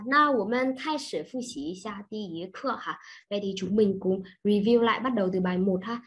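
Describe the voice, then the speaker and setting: A woman with a Vietnamese accent teaching an online Chinese class, patient and checking in with her students often. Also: medium pitch. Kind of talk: online language lesson.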